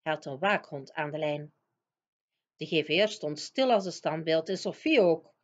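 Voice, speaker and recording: A woman teacher reading a children's book aloud in a lively storytelling manner. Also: low-pitched, normal speed. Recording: dull lo-fi recording.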